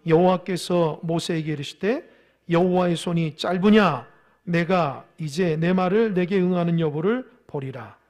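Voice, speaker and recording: A male pastor preaching a sermon. He swings between soft near-whispers and loud, emphatic appeals, and he leads the congregation in reading aloud together. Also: fairly high pitch, measured pace.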